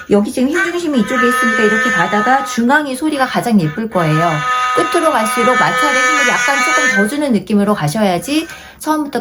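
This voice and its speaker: A woman teaching a haegeum lesson, patiently repeating each instruction and slowing down to demonstrate. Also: fairly high pitch. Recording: noisy home-video recording.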